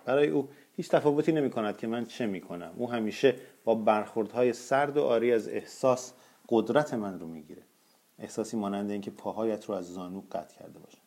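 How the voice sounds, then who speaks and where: Low-voiced man narrating an audiobook. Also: darkish tone. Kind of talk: first-person audiobook narration.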